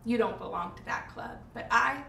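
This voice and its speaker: An actress playing a wounded, lonely tragic heroine in a stage monologue, theatrical, sorrowful and bitter. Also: female voice, high voice, animated, slow pace, a little hiss or hum, full character voice. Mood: sorrowful resignation. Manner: theatrical, sorrowful, bitter, swinging from outburst to hush. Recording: echoey room, distant microphone.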